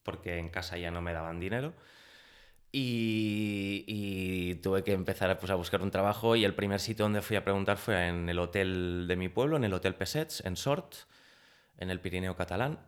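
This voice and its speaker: Casting: low-pitched man, thirties, from Spain, chatty interview guest who acts out quoted dialogue. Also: moderate pace, smooth. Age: 30s. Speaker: guest, pastry chef. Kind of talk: casual interview storytelling.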